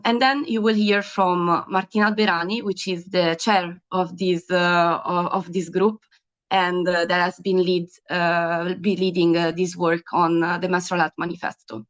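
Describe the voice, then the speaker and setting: Italian lady hosting a video call, lots of ums, kinda muffled audio. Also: on the low side. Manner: hesitant, many ums and uhs. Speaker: webinar host. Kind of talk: hosting an online webinar.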